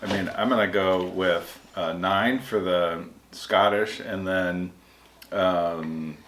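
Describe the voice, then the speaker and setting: A man's voice: deep voice, steady tone, slow, a bit bright. An American man giving laid-back, agreeable comments in a casual food taste test. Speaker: food review vlog co-host. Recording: echoey room with background noise.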